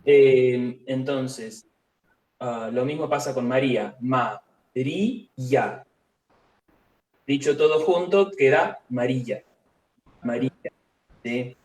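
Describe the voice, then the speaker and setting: Male teacher, patient and unhurried, roomy echoey sound. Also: medium pitch, a little mellow. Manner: patient, explains pronunciation slowly syllable by syllable. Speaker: Lithuanian language teacher. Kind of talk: live online class with students.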